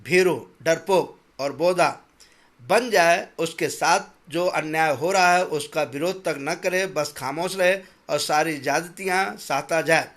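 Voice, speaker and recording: A man's voice: a little high, a little slow. A man voicing a stern, calculating employer who counts out wages and lectures his governess in a clipped, pedantic way. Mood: lecturing. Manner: pedantic, then shouting and stammering in anger.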